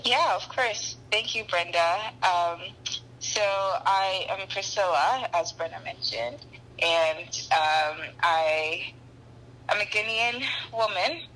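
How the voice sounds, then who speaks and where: A young woman who grew up in Ghana, a podcast guest speaking thoughtfully with frequent pauses and restarts. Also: on the low side, bright, forceful tone, slight background noise, poor audio. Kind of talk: conversational interview.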